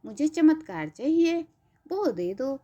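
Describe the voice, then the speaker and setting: A woman's voice: sits high, big pitch swings, takes it slowly, warm tone, pitched above the performer's own voice, full character voice. A woman voicing a tearful little girl who begs with a childlike lisp, on a dull lo-fi recording. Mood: pleading, tearful. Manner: childlike lisping plea.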